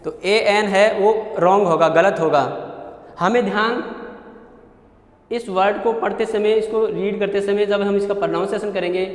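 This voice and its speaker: High-voiced Hindi-accented male teacher, echoey room. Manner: slow, repetitive explaining, stretching out sounds. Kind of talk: classroom grammar lesson. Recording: echoey room with long reverb.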